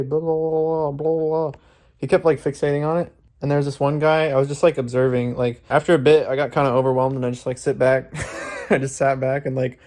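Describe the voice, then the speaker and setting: A young man from Florida talks casually into a handheld phone, rambling and hedging with many fillers, laughing now and then. His pitch sits in an ordinary middle range for a man. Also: darkish tone. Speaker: vlogger. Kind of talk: casual vlog talk. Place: outdoors at a street protest, later his room.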